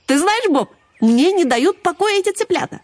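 Lady reading as a cocky little owlet boy, sneaky and eager, squeaky high. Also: animated, moderate pace, no room sound. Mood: scheming. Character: scheming young male owlet, bold and cocky.

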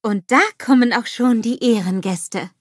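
A woman voicing a gentle young queen in a storybook, calmly explaining. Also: fairly high pitch, measured pace, dry recording, studio quality, voice pushed up.

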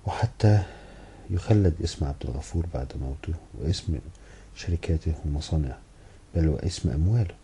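A man's voice: rumbling low, fairly quick, dark tone, a little hiss or hum. A man reading the part of a passionate woman who insistently defends her friend in an audiobook. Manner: heated, insistent.

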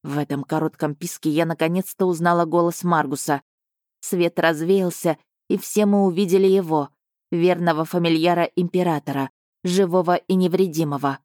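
A woman narrating a fantasy audiobook in the first person, lively and expressive. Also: lowish voice, moderate pace, no echo, studio quality. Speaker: audiobook reader.

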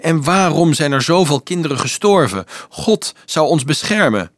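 A man's voice: fairly high pitch, very animated, normal speed, no room sound, studio quality, voice pushed up. A man voicing an earnest, anxious young girl full of doubts in an audiobook. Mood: doubtful. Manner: anxious, questioning.

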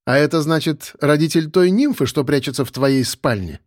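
Stern mocking female major, brisk and commanding, raised voice, a man putting her on. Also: fairly high pitch, darkish tone, dry recording, clean studio sound, lightly acted. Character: stern sarcastic woman police major.

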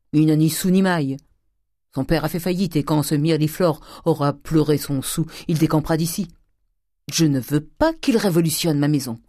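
A woman's voice: low voice, dark tone, dry recording, studio quality. A woman voicing a miserly old provincial father who lectures and scolds dismissively, in an audiobook reading.

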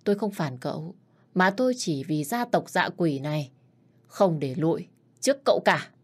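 A woman's voice: sits low, lively intonation, moderate pace. A woman reading the lines of a loyal scarred male henchman, firm and resolute.

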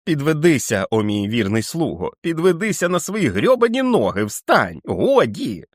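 A man's voice: a little high, sing-song, moderate pace, dry recording, clean studio sound, voice pushed up. A man voicing an exasperated young boy hero in an audiobook, talking bluntly.

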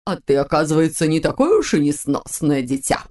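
A woman voicing a grumpy male stork nearly a hundred years old, who talks slowly and gruffly. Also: deep voice, sing-song, mellow. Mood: friendly.

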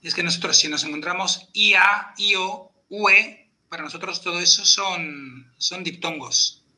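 High, sharp-toned man teaching. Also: normal speed. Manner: patient, step-by-step, checks in with "¿vale?". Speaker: podcast presenter teaching Elvish pronunciation. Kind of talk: explanatory teaching chat.

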